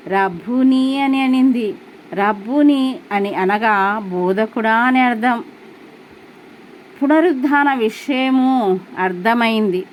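This is a woman preaching in a slow, unhurried, earnest way, her voice sitting a little on the high side. She keeps turning to her listeners with questions. Faint background noise runs under the recording. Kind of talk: sermon.

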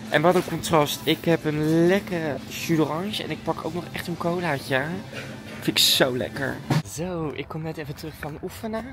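A woman with a low-sitting voice speaks at normal speed. She's a daily vlogger and dancer, chatting casually and informally to her audience and thinking aloud as she goes.

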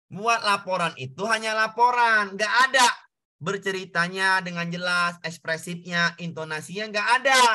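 A man's voice: high-pitched, bright, forceful tone. A man tutoring an online class, explaining exam answers step by step, repeating key points and addressing students directly.

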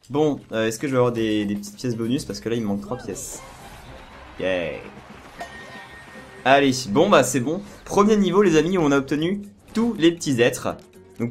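A man with a hoarse, worn-out voice giving casual, excited gameplay commentary and repeating words in quick bursts. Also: medium pitch. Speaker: let's play host. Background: video game music.

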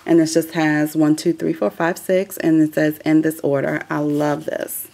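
A woman's voice: low-pitched, flat delivery, normal speed, vocal fry, mellow. A woman hosting a craft video, chatting loosely with many ums as she shows her work at a table. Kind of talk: casual craft walkthrough.

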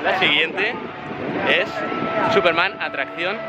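A man's voice: on the high side, slow pace, heavy background noise. A man from Spain with a Spanish accent, vlogging casually while walking around an outdoor theme park, chatty and joking. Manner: chatty, jokey, walking commentary. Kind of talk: casual vlog walkthrough. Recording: loud music and crowd outdoors. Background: park music and crowd.

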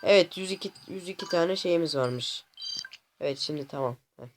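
A man hosting a gaming channel, commenting casually on his gameplay to viewers, often exasperated and complaining out loud at the game. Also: a little high, normal speed, soft background music. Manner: talks to viewers directly.

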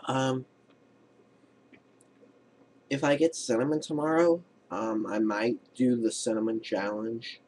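Slow, halting teenage boy. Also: medium pitch, fairly even intonation, darkish tone. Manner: hesitant, halting. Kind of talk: casual vlog chat. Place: room at home, indoors. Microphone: webcam at arm's length. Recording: faint noise and clicks, webcam audio.

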